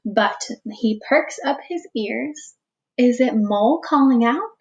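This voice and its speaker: A woman teacher reading a picture book aloud to young children, slow and expressive, giving the animals little voices. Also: on the high side, dull audio. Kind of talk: read-aloud storytime for children.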